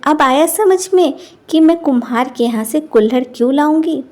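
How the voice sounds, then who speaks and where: A stubborn, quarrelsome old village wife, put on by a woman storyteller in an animated storybook. She scolds in a high, shrill voice and will not back down. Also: moderate pace, close to an everyday voice. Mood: defiant.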